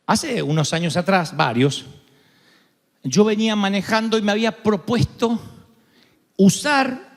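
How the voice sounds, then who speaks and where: A man with an Argentine accent, a pastor preaching a sermon, telling stories with sudden shouts and humor. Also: sits high, a little slow, pauses often. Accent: Argentine Spanish. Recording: long reverb of a large hall.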